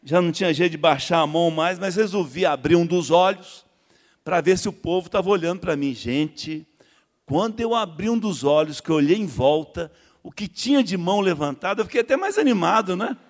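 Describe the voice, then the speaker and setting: A man's voice: high voice, fairly quick. Brazilian man telling his testimony, echoey. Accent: Brazilian Portuguese. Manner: animated storytelling, acts out dialogue. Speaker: testimony speaker. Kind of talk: church testimony. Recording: echoey hall reverb.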